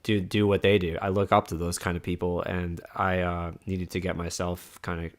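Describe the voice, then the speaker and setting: Hosting a laid-back streamed podcast, a man speaks at a normal pace in a low voice with little pitch movement. As he wraps things up with his guest, he rambles, restarts sentences, and leans on fillers.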